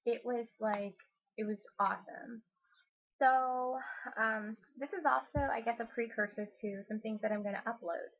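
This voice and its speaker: A woman hosting her own channel, chatting casually and excitedly with many fillers and some swearing. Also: on the high side, normal speed, slightly rough. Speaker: YouTube channel host. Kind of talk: casual vlog chat. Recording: tinny lo-fi phone-like sound.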